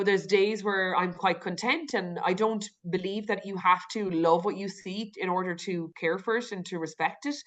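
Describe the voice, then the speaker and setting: A woman's voice: medium pitch, fairly bright tone. A woman with an Irish accent, a podcast guest talking candidly and reflectively, with frequent restarts and fillers. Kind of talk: candid conversational interview.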